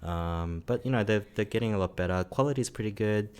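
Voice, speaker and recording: Low-voiced man in relaxed tech chat. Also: quick pace, clean tone. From Australia. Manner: relaxed, rambling with many fillers. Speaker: podcast co-host.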